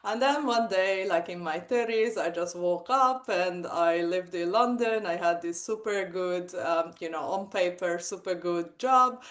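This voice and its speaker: A woman's voice: fairly low pitch, unhurried, hardly any pauses. A woman in her forties from Hungary, speaking English with a Hungarian accent, telling her story animatedly in an interview with many fillers. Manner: animated, lots of fillers and acted-out quotes. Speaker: guest, sex coach and hypnotherapist. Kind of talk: casual interview chat.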